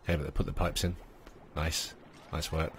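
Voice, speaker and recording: A man's voice: very deep voice, little pitch movement, normal speed, a little hiss or hum. A man giving casual let's play commentary, thinking aloud with many fillers and now and then talking to the little characters in his game. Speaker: gaming channel host.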